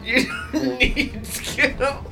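A man's voice: very high-pitched, fairly even intonation, extremely slow, creaky, music in the background. A man playing a tabletop game who jokes crudely and laughs often. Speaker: player.

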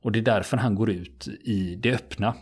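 A man retelling a true story in a relaxed podcast conversation, steady and matter-of-fact, with frequent small fillers. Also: fairly low pitch, breathy edge.

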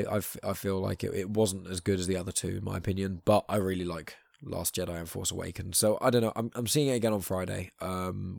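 British man, podcast host, croaky gravelly voice, low pitch, hushed, casual rambling, late-night low-key delivery. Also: dry recording.

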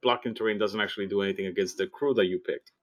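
A man chatting casually about a game, explaining rules haltingly and correcting himself as he goes. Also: fairly low pitch, steady tone. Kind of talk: casual game analysis chat.

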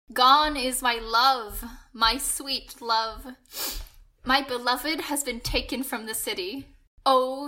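A woman's voice: a little high, pushed and bright. A woman reading the part of a goddess mourning her husband, in a recited lament.

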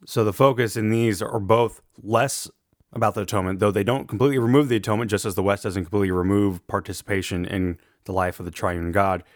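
A man with a gravelly voice, rough from allergies, giving an informal lecture in a measured, carefully qualified way. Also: lowish voice, steady tone, dry recording, clean studio sound. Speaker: theology lecturer.

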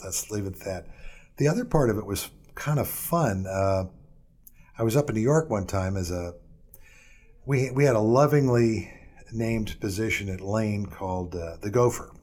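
Rambling low-voiced man telling stories. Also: a little mellow. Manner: rambling, hesitant, many fillers and restarts. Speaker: interview guest. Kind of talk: casual storytelling interview.

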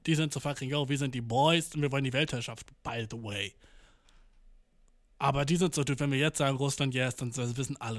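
A man's voice: medium pitch, a bit bright. A young man reacting casually to news, slangy and full of swearing and English filler words. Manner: mock voices for countries.

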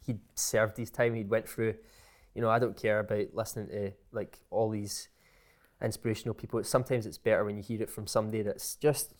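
A man with a lowish, level voice talks a little fast in a casual interview, appearing as a guest who hopes to become a motivational speaker. He often hesitates, repeating words as he begins his sentences again.

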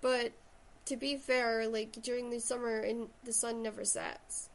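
Chatty woman with a Shetland accent, creaky voice. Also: a little high, level tone, a little slow. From Shetland, Scotland. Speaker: podcast host and writer. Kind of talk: casual book chat.

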